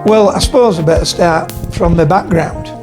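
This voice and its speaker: A man of about seventy from Leeds, England, is a retired tradesman appearing as a podcast guest in a casual interview at his home. He tells rambling, digressive stories packed with fillers, in a slightly high voice at a moderate pace, with music playing in the background.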